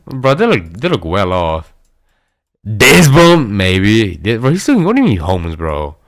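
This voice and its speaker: A young man reacting to clips for his YouTube channel in casual, excitable commentary, swearing freely and calling everyone "bro". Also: fairly low pitch, normal speed.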